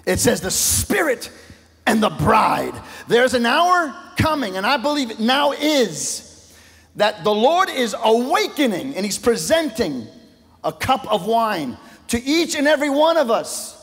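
A male pastor delivers a sermon with fervor, his voice climbing loud and then falling to a hush. His voice sits high for a man. The sound rings with the long echo of a large church sanctuary. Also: big pitch swings, measured pace, breathy edge. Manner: impassioned preaching, voice swelling and dropping low.

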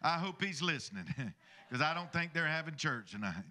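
Holding a microphone on the church stage, this middle-aged preacher keeps asking his congregation for amens as he delivers his sermon. His slightly high, sharp-toned voice swings widely in pitch while moving at normal speed.

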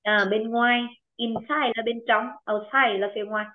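A woman English teacher speaking with a Vietnamese accent, her voice pitched a little high. She coaxes students along and repeats words slowly for them to copy. The sound is narrow and tinny, like an online call. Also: fairly even intonation. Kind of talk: online pronunciation lesson. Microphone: video call. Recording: tinny phone-like video call audio.

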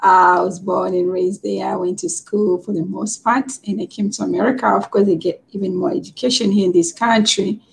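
A middle-aged Tanzanian teacher, appearing as a guest, answers interview questions over a video call in a friendly, easygoing way, laughing easily and saying "you know" a lot. Her mid-range voice is steady, gravelly and fairly quick with hardly any pauses, and a little hiss or hum is audible.

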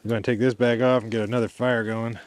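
A man's voice: mid-range voice, little pitch movement, fast talker. A man chatting casually to viewers as a vlogger, in an informal, rambling and appreciative way. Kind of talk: casual chat to camera.

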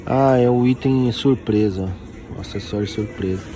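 Here a young man with a mid-range voice, speaking at normal speed, gives casual walk-through commentary as a toy collector vlogger. He strolls an outdoor flea market, constantly pointing out toys and filming on a handheld phone, with a crowd audible behind him.

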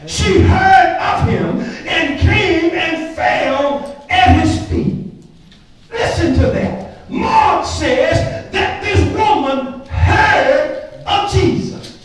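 A man preaching from the pulpit, his voice very high and his delivery slow and deliberate. He repeats words as he builds up and breaks into shouts. The sound is picked up from far back in a very echoey sanctuary, with faint organ and the congregation behind him. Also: lively intonation, a faint crowd. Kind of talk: sermon. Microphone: pulpit mic, camera at the back of the room.

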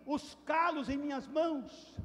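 A man's voice: extremely high pitch, a little slow, fairly bright tone. A preacher voicing a young boy who loves his toy boat, exclaiming and pleading as part of a sermon story. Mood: earnest. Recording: long hall reverb.

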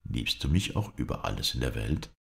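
A man's voice: very deep voice, very animated, moderate pace, creaky, voice pushed down, exaggerated voice. A man voicing a young sculptor, a jilted lover speaking in bitter, proud accusations. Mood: tender.

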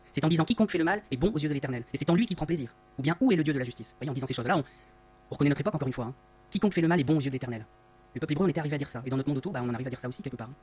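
A man who teaches the Bible gives an earnest, conversational study talk, frequently rephrasing himself and tagging lines with "hein." His voice sits on the high side with a breathy edge, though it's masked by voice-disguising software. The recording is dull and lo-fi.

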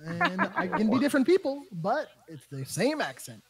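A player joining casual banter during a group game, voice swinging widely in pitch as the talk runs on. The pitch sits in the middle of the range. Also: big pitch swings, normal speed, a loud crowd. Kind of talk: casual gaming chat.

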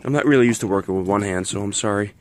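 A home mechanic speaks very fast in a voice on the low side, explaining how he repairs a car part. It's a casual how-to vlog shot at a garage workbench under a tent, with his phone held one-handed close to the work, and he comes across as plain-spoken and somewhat apologetic.

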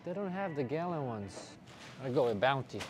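A man's voice: medium pitch, big pitch swings, moderate pace. A man from Bosnia filming a casual fitness vlog while shopping in a supermarket, joking and talking to the camera. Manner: playful, jokey, talks to camera. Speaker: fitness vlogger. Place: supermarket aisles. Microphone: handheld camera, filmed by cameraman. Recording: noisy store with background ambience. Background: shop ambience.

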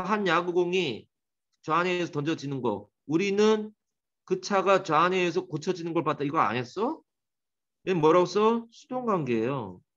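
A man teaches English grammar to a classroom, his fairly high voice leaping around with animated swings. He quizzes and teases his students by name between points. The recording is dull and lo-fi.

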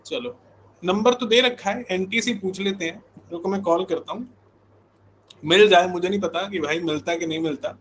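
A high, slightly bright male voice at a moderate pace belongs to an Indian online coaching teacher in his thirties. He chats informally with his live class, checking in repeatedly. The low-quality recording has a little hiss or hum.

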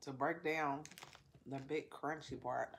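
A woman's voice: a bass voice, slow, a little hiss or hum. Woman talking with her mouth full. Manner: relaxed, rambling, with fillers between bites. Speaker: vlogger eating on camera. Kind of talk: casual eating vlog chat.

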